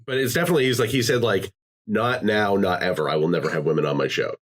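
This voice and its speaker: A podcast host with a lowish voice talks quickly in a casual chat. He rambles, using lots of fillers and restarting his sentences.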